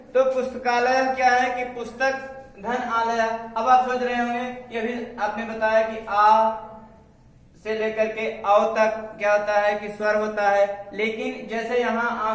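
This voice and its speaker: Teacher, male, from India, high voice, board lesson, repeats and self-quizzes, captured from afar in a very echoey classroom. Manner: repeats words slowly, asks and answers his own questions. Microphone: far from the mic. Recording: echoey classroom, voice far from the mic.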